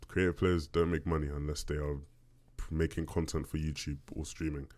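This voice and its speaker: Casting: male podcast host, deep low bass, casual solo question-and-answer delivery, conversational. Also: little pitch movement, brisk, darkish tone. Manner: conversational, checks in with "right?".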